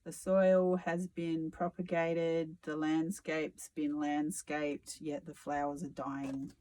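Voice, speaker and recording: Slow, musing sarcastic tarot reader. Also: mid-range voice, flat delivery, darkish tone, low-quality recording. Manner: musing, sarcastic, swears casually. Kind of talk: reflective solo tarot reading.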